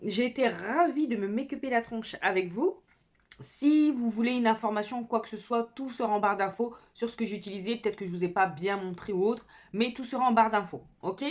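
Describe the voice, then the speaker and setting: A woman's voice: on the high side, a little fast. A woman beauty vlogger talking casually and enthusiastically to her viewers while she does her makeup. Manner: chatty, enthusiastic, addresses viewers directly. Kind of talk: casual makeup tutorial chat.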